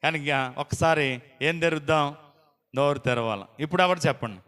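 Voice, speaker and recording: A man preaching a sermon as pastor, quizzing his congregation with repeated call-and-response questions and loudly calling out praise. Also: fairly high pitch, moderate pace, clean tone. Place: prayer house hall. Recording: long reverb of a church hall.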